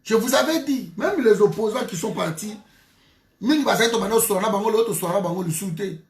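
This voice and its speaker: A man's voice: high-pitched, fairly quick, reverberant. A man from DR Congo, giving a heated political monologue as a commentator, emphatic and repeating his phrases with frequent restarts.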